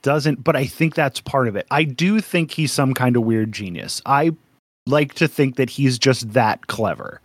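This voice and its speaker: A man's voice: mid-range voice, a little slow, no echo, studio quality. A man co-hosting a casual podcast, rambling and joking with frequent laughs. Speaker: podcast co-host.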